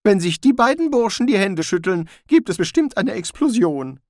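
A man voicing a cowardly, panicky middle-aged wizard, shrill, frantic and sarcastic. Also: sing-song, normal speed, dry recording, clean studio sound. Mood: wary.

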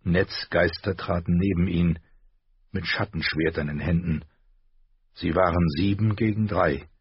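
Tiefer heiserer mann liest hörbuch, ruhig, trocken und dumpf aufgenommen. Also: male voice, sits low, a little slow, breathy edge, no echo, lo-fi sound. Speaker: audiobook reader. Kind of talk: scripted narration.

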